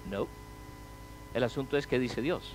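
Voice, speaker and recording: A man preaching a sermon as pastor, asking the congregation rhetorical questions and swinging from loud to quiet. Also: medium pitch, normal speed, slight background noise, low-quality recording.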